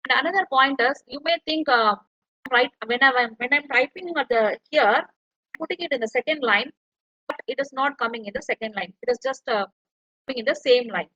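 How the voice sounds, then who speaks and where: A woman's voice: high-pitched, fairly quick, sharp tone, dry recording, dull audio. A woman lecturer, explaining step by step as she types in an online tutorial. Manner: explains step by step while typing.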